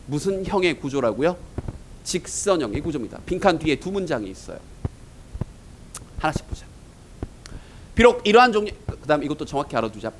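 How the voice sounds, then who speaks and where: A man's voice: fairly high pitch, a little hiss or hum, poor audio. A man teaching an English exam-prep lecture in Korean, asking his students rhetorical questions as he goes.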